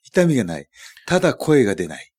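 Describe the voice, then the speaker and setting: A man's voice: mid-range voice, big pitch swings, fairly quick, a little mellow, husky. A man hosting a podcast, chatting casually and joking, with lots of fillers. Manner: chatty, jokey, many fillers. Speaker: podcast host.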